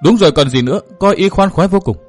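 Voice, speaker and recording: A headstrong young heroine of a martial-arts audiobook, put on by a male narrator, jealous and quick to tears. Her lines sit in a raised, higher register and come out pleading and emotional. Soft music lies behind. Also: animated. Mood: resentful.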